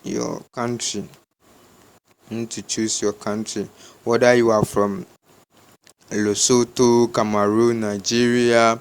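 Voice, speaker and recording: As a tutorial host, a man with a Ghanaian accent and a fairly low voice gives unscripted, step-by-step instructions. His delivery is halting and repetitive.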